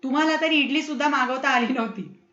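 Woman doing an insistent young son, storybook, slightly high voice, muffled roomy sound. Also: fast, pushed and bright. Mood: eager. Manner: eager, insistent. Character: eager young man, grown son teaching parents.

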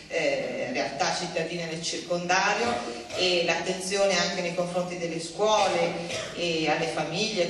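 A woman in her fifties, a city culture councillor, giving an earnest speech on a theater stage into a handheld microphone, with frequent pauses and hesitations. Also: lowish voice, a bit bright, slight background noise. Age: 50s. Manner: earnest, measured, with many hesitations. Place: large theater hall, on stage before an audience. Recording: echoey hall, voice from a distance.

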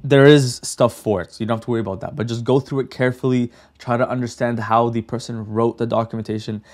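Young man, coding tutorial host, casual screen-share talk, chatty, direct, mid-pitched voice. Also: fairly even intonation, quick pace, darkish tone. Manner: chatty and direct, with frequent "like" and "okay".

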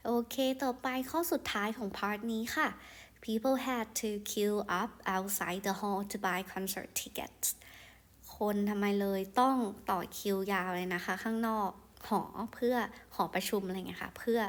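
A young woman tutor walks through exam questions at an unhurried pace. She reads each English sentence, then translates it and explains it gently. Her tone stays soft and friendly, with polite particles throughout. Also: medium pitch. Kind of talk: exam-prep lesson, explaining answers.

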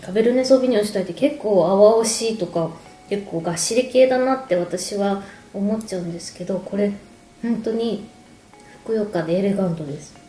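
Sipping a drink and snacking, a wine video host in her thirties gives a casual explanation to camera. She talks briskly in a medium-pitched, dark-toned voice. The home room she records in is echoey, with background music and slight noise.

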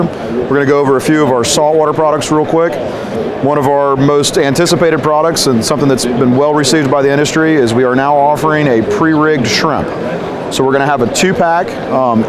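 A man in his thirties, a sales manager presenting products at a trade show booth in an upbeat way with frequent ums. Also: on the high side. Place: large indoor trade show hall, at a booth. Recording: busy convention floor crowd noise. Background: crowd chatter.

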